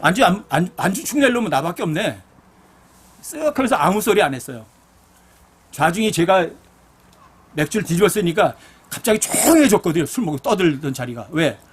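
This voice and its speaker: A man's voice: sits high, sing-song, brisk, pauses often, husky. A middle-aged man, a pastor, preaching a blunt, earnest sermon full of personal stories.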